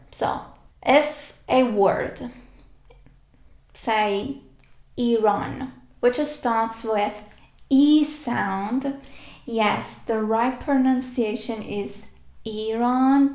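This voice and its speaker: A woman teaching a language lesson, slowly repeating each word and letter for practice. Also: a little high, lively intonation, darkish tone, roomy sound. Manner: patient, repeats words for practice. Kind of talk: slow step-by-step alphabet lesson.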